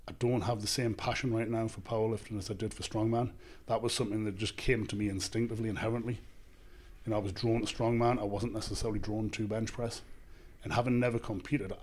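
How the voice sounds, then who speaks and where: Speaking into a handheld microphone in a small office studio, this gym owner and author from the north of England, in his thirties, gives casual interview answers on a podcast. He comes across as measured and confident, laying points out as lists, in a fairly low, darkish voice.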